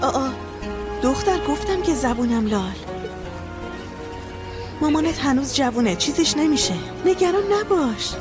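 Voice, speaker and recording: A woman's voice: high-pitched, animated, pauses often. An actress playing a caring friend consoling a young woman in a dubbed TV drama, with music under her lines. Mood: reassuring. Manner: soothing, consoling.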